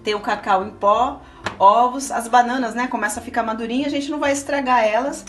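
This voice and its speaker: A middle-aged woman, a cooking show host and aunt, chats patiently through a casual home cooking demo with a child, coaxing and encouraging while explaining steps to viewers. Her voice is on the high side and fairly quick. A helper holds the camera a few feet away in a small, roomy home kitchen, with music behind.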